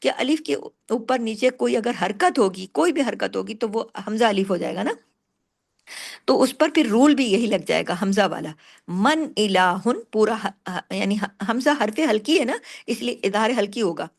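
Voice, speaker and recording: A woman gives a tajweed lesson. She explains each rule patiently, asking and answering her own questions. She slows right down when reciting words. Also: a little high, lively intonation, vocal fry, slightly rough. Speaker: Quran recitation teacher.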